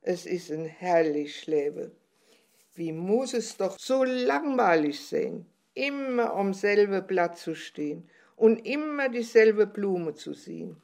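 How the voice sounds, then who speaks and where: A carefree little butterfly, as a woman reading a storybook puts it on, boasting of its free life. The pitch sits in an ordinary middle range. It talks slowly and dreamily. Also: very animated, a little mellow. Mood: cheerful.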